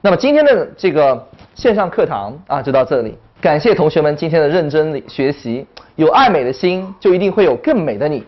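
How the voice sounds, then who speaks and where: A woman teaching an online English lesson, talking in an animated way and demonstrating tones with her voice. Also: low-pitched, brisk, lo-fi sound.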